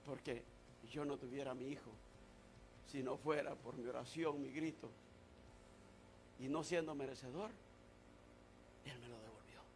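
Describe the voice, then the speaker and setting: A male pastor preaching a sermon, who moves from shouted declarations to quiet, confiding talk. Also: medium pitch, steady tone, unhurried, pauses often, slight background noise.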